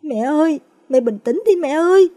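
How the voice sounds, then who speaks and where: A woman's voice: mid-range voice, very animated, a little fast, mellow, husky. A woman voicing a frightened young daughter-in-law who pleads anxiously. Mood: pleading. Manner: fearful, pleading.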